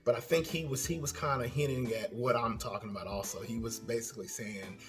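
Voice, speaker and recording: A man's voice: medium pitch, fairly even intonation, a little fast, a bit bright. Channel host, male, mid-range voice, hesitant off-the-cuff commentary over light guitar. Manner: rambling, hesitant, many fillers and restarts. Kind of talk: casual spoken commentary.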